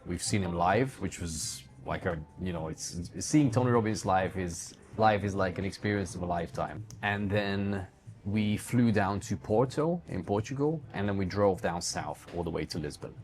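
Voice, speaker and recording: Speaking at a moderate pace in a deep voice, with slight background noise, a man from Hungary chats as an interview guest about his own life and work. He's a digital entrepreneur heading a book publishing company.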